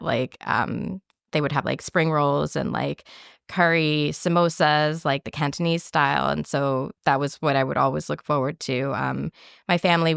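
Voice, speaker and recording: A woman's voice: sits low, gravelly, smooth, no room sound, clean studio sound. A woman in her forties who grew up in Hong Kong, chatting as a podcast guest with lots of fillers. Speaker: guest, food writer and former restaurant inspector. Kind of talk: casual interview chat.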